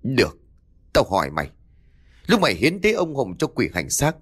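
A man's voice: medium pitch, wildly swooping pitch, normal speed, breathy edge, voice pushed up. A man voicing a stern, furious older male clan head who scolds harshly and wails in grief, in a spoken ghost story. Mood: furious scolding.

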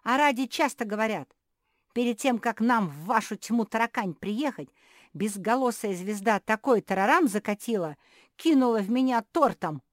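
Woman doing a shrill furious dog servant. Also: lively intonation, moderate pace, no echo, studio quality, natural voice. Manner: shouting, indignant, scornful.

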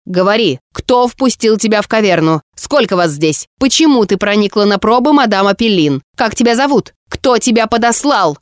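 A woman voicing a stern, cold woman investigator with a creaky voice, questioning slowly and demandingly in an audiobook. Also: mid-range voice, expressive, no echo, studio quality, lightly acted. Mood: stern, menacing. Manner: slow, demanding interrogation. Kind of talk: audiobook character voice.

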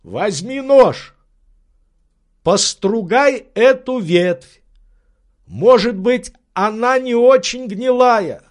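A man reading an audiobook, voicing an excitable eccentric gentleman who shouts urgent orders. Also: very high voice, drawn-out words, pauses often, pitched above the performer's own voice, heavily acted. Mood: frantic. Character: excitable eccentric gentleman, frantic treasure hunter.

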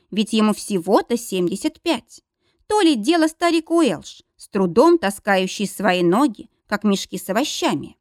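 A woman narrating a story in an expressive storytelling style. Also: medium pitch, no echo, clean studio sound. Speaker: audiobook narrator.

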